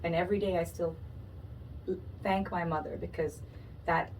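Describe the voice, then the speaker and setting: A Pakistan-born woman talks as a podcast guest, lively and playful, breaking into laughs. Her voice sits on the low side. The mic is a little far off with faint noise behind. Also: moderate pace. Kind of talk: casual interview chat. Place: podcast studio.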